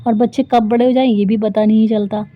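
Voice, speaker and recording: A woman's voice: fairly high pitch, steady tone, brisk. A woman in her thirties, a vlogger and homemaker, talking in a chatty, rambling way full of fillers as casual vlog voice-over. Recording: dry, thin phone-like sound.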